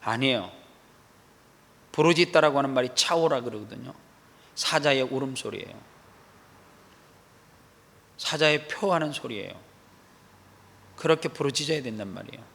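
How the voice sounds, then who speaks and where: A man preaching an animated sermon as a pastor, acting out quoted voices with sudden loud outbursts. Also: medium pitch, normal speed, gravelly, pauses often. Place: church sanctuary. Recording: long echo of a large hall.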